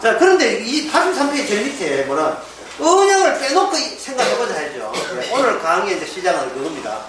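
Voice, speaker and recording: Animated, joking pastor lecturing. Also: male voice, sits high, fairly quick. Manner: animated, joking, repeats key words. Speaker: pastor giving a Bible lecture. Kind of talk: church Bible lecture. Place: church lecture room. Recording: echoey hall, mic far off, faint background noise.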